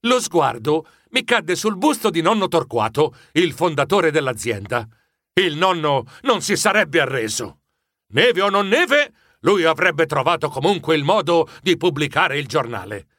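A man narrating a children's story in an expressive, dramatic first-person style. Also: a little high, unhurried, no echo, clean studio sound. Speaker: audiobook narrator.

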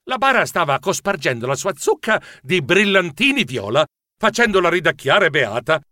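Man, children's story narrator, theatrical, playful, lively pitch, dry close mic. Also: normal speed, dry recording. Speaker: audiobook narrator.

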